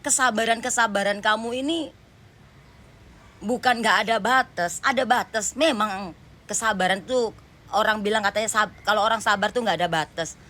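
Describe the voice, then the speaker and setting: A woman's voice: mid-range voice, moderate pace, sharp tone. A woman giving a general tarot reading, talking straight to the viewer in an emphatic, repetitive way. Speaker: tarot reader.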